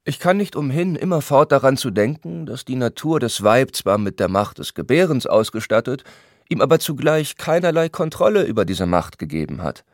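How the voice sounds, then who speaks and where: A man voicing a pompous older gentleman who lectures in a lofty, declaiming way, in an audiobook reading. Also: mid-range voice, big pitch swings, normal speed, no room sound, clean studio sound, voice pushed up. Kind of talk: audiobook character voice.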